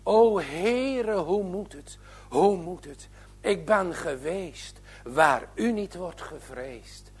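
A man's voice: sits high, lively intonation, slow pace, husky, full character voice. A man voicing a frightened, pious six-year-old boy who pleads anxiously and tearfully. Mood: crying prayer.

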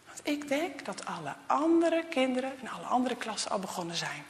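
A woman voicing a gentle but firm male schoolteacher in a read-aloud story. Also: sits high, sing-song, a little fast. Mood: kindly. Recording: long reverb.

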